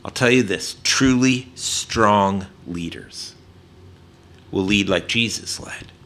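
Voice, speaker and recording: A man preaching a sermon in an earnest tone, with frequent "uh" fillers and points he drops low and soft for emphasis. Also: slow. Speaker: pastor.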